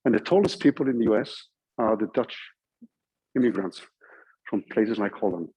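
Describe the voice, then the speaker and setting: A man from Norway talks through code in an informal university lecture, breaking it down step by step and checking in with listeners. His lowish, mellow voice has a breathy edge and lively intonation at normal speed, heard through a muffled recording.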